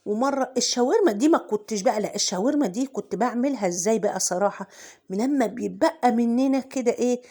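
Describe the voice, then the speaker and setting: A middle-aged woman with an Egyptian accent talks to her viewers in a loose, chatty vlog. Her voice sits a little high, and she swings into exaggerated, mock-tragic complaints, scolding herself with a laugh in her tone. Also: fast talker, dark tone. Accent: Egyptian Arabic. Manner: dramatic, self-mocking comic lament. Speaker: vlogger. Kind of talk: casual home vlog chat.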